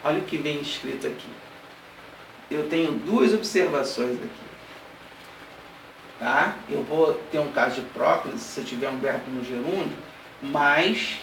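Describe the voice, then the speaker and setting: A man teaching an exam-prep grammar lesson, explaining step by step, checking in with his students and spelling out examples slowly. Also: medium pitch, fairly bright tone. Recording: roomy classroom sound, heard from a distance, light background noise.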